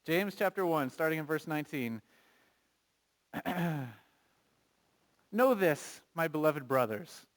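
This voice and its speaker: A pastor preaching a sermon, conversational and animated, asking the congregation questions and reading scripture aloud. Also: male voice, a little high, slow pace, long pauses.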